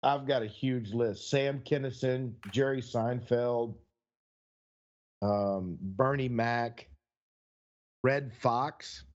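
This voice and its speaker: A man's voice: medium pitch, drawn-out words, pauses often, dull audio. A man co-hosting a podcast who once worked as an announcer, telling stories in an easygoing, anecdotal way. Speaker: podcast co-host, former announcer. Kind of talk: casual storytelling.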